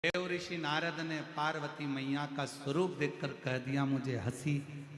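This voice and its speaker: A man's voice: on the high side, fairly even intonation, measured pace, fairly bright tone. A man telling a devotional story sermon, emphatic, stacking repeated words and titles. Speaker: religious storyteller. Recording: echoey hall with faint music.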